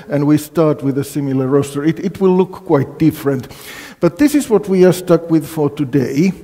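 A man's voice: on the high side, warm tone. An older man from Finland giving a university physics colloquium, quizzing the audience with many fillers. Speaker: physics lecturer. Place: lecture hall. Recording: long hall reverb.

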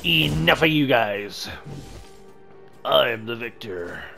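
Man, let's-play commentator, slow delivery, lively swings in pitch, reacts out loud. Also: gravelly, soft background music. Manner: reactive, talks to himself and the enemies. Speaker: gameplay commentator.

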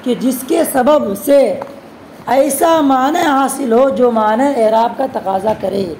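A woman teaching a classroom grammar lesson, constantly posing quick questions to her students and answering them herself. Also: on the high side, darkish tone, slight background noise, poor audio. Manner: addresses students as "beta". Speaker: religious teacher.

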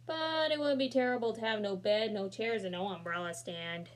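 In a small room, a young woman reads aloud from a children's picture book, captured on her laptop camera. Her delivery is expressive and moderately paced, her voice mid-range, with offhand remarks sprinkled in.

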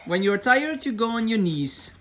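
Encouraging woman instructing a child, lively intonation. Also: on the high side, normal speed, slight background noise. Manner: encouraging, repeats answers, short phrases. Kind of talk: simple step-by-step instructions to a child. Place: outdoors in a small backyard. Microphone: handheld phone.

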